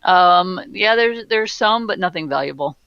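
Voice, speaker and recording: Woman game master, slow measured scene narration, lo-fi dull mic. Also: on the low side, expressive, smooth, dry recording.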